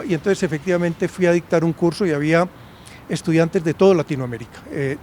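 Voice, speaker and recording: A man's voice: on the high side, a little mellow, a little hiss or hum. A university professor in his sixties from Medellín, Colombia, telling his story in a conversational interview and often checking in with a questioning "right?".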